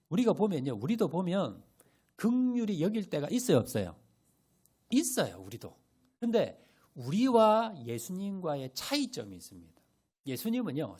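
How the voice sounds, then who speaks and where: A man's voice: a little high, husky. A male pastor preaching a Sunday sermon, often asking the congregation questions and answering them himself. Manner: animated, rising and falling emphasis. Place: church sanctuary.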